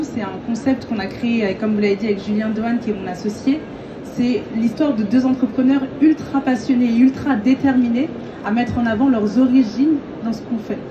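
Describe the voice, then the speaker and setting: A young entrepreneur speaks earnestly and with energy, filling pauses as she goes. Her fairly high voice sits at a distance from the mic. The sound is dull, and event chatter runs steadily underneath. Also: noisy background. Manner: earnest, lively, with frequent fillers. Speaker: restaurant co-founder. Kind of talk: interview answers. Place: event stage.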